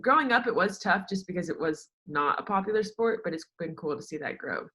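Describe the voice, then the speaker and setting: Her voice sits fairly low, with lively intonation, a fairly quick pace, and a sharp edge. She's a young American interview guest, once a college golfer and now in sports media, casually sharing anecdotes while dropping "like" often and quoting herself and others.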